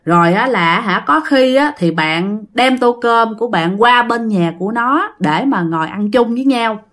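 A woman's voice: a little high, animated, normal speed, fairly bright tone. A woman tells ghost stories in a casual, chatty way, often turning to speak to her listeners directly. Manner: chatty, addresses listeners often, many fillers. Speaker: storyteller. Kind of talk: casual ghost story retelling.

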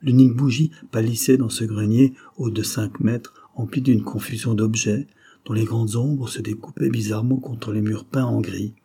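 Homme à la voix grave et voilée. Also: male voice, lowish voice, steady tone, normal speed, gravelly, mellow, breathy edge. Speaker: audiobook narrator. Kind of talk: scripted literary narration.

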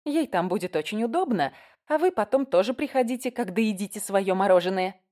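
A woman's voice: mid-range voice, expressive, fairly quick, mellow, pitched above the performer's own voice, natural voice. A woman voicing an eager, talkative teenage girl in an audiobook reading. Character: teenage girl, pushy and chattering.

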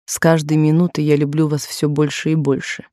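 A woman voicing an insistent, possessive wealthy man courting a young maid, in a lowered, slow, pressing voice in a dry studio recording. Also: level tone, dark tone, no echo, lightly acted.

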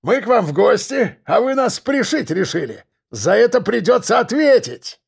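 A man's voice: sits high, big pitch swings, normal speed, creaky, slightly rough, pitched above the performer's own voice, exaggerated voice. Man doing a growling convict gang boss. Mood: threatening. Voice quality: growling, coarse prison slang. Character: menacing male convict gang leader, gruff. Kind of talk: audiobook character voice.

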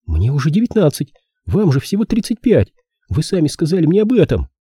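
A man voicing a desperate nineteen-year-old woman in an audiobook, high and pleading. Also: huge pitch swings, fairly quick, mellow, breathy edge, dry recording, studio quality, exaggerated voice. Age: young adult.

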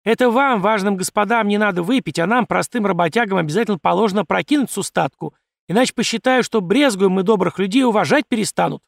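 Man playing a domineering peasant wife, high-pitched, raspy, loud, scolding. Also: fast talker, dry recording, studio quality. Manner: shrill, scolding, bossy.

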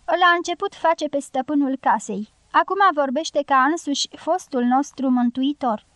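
Woman voicing bossy middle-aged peasant woman, sharp-tongued, scolding, high voice, dry sound. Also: dry recording.

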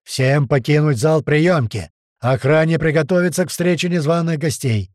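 Bossy male security chief, loud barked orders, dark dry voice, read by a man. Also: on the high side, normal speed, no echo, voice pushed up, close to an everyday voice. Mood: commanding. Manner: barking commands.

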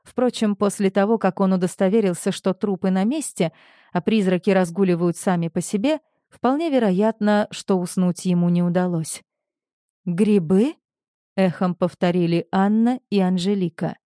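A woman narrating an audiobook in an even, expressive reading. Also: mid-range voice, moderate pace, no room sound, studio quality. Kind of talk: scripted narration.

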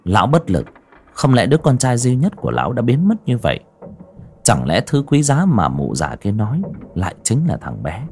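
A man narrating a horror audiobook in an expressive, dramatic storytelling style. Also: medium pitch, moderate pace, slight background noise.

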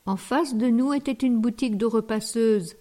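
A woman reading a classic short story aloud as an audiobook narrator, calm and measured. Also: fairly high pitch. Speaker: audiobook reader. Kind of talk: scripted narration.

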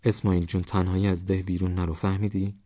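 A man's voice: sits low, flat delivery, dark tone, no echo, dull audio. A man voicing a caring, protective old village grandmother in an audiobook, talking in a fussing, cautioning way. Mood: tender.

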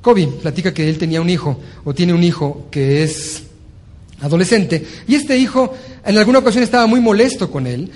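A man giving a motivational talk, animated and acting out little scenes as he teaches. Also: high voice, normal speed. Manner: animated, acts out stories with voices. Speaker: motivational speaker.

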